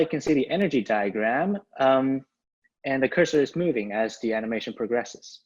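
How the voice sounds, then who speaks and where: A young man, an undergraduate, giving a formal, methodical scientific presentation over a video call. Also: medium pitch. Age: young adult. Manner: formal, methodical, signposting each point. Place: indoor room, on a video call. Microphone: video call microphone. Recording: dull video-call audio.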